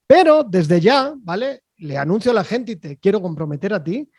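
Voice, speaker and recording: A man with a fairly high voice hosts an online interview from a video call, talking in a loose, chatty way with plenty of fillers. His sound is dry and close, with no room around it. He keeps checking in with his guest as he goes. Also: big pitch swings, moderate pace, darkish tone, husky, dry recording. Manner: chatty, rambling, with frequent fillers and "¿vale?" tags. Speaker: host.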